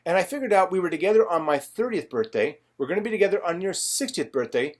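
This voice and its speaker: A man's voice: sits high, animated, fast. A middle-aged man telling a friend stories from their past in a personal video message, acting out what people said along the way. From California. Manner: warm storytelling, reminiscing, acts out quoted lines. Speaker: financial advisor.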